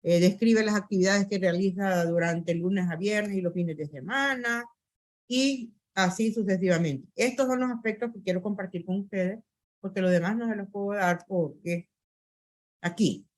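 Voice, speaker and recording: A mid-range female voice at a normal speed. She is lecturing to an online university class via video call on her computer mic, moving methodically from one item to the next with plenty of hesitation fillers.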